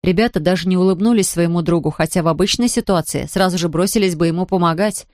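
A woman narrating a children's audiobook in a calm, even storytelling manner. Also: on the low side, fast, no echo, studio quality.

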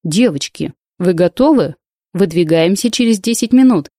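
A woman's voice: on the low side, animated, dark tone, dry recording, clean studio sound. A woman doing a drawling joker of thirty. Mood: brisk. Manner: drawling, slow, mock-grand. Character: young male coworker, joking, teasing, about thirty. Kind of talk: audiobook reading.

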